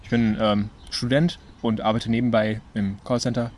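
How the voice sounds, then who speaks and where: A man's voice: fairly low pitch, level tone, moderate pace, darkish tone, a little hiss or hum. Hesitant 23-year-old Italian-born man. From Italy. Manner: loose, hesitant, many fillers. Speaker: interviewee, student. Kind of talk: casual interview talk.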